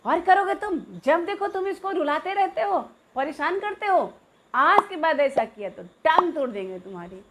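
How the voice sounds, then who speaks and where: A woman's voice: very high-pitched, pitched above the performer's own voice. A woman voicing a protective elder brother who fires off worried questions. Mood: scolding. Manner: questioning in quick anxious bursts.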